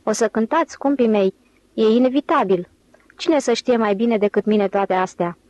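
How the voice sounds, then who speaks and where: A woman's voice: fairly high pitch, a little mellow, no room sound, dull audio, close to an everyday voice. A woman reading an audiobook, voicing a self-assured man who mockingly predicts what others will do. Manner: scornful, teasing, confident.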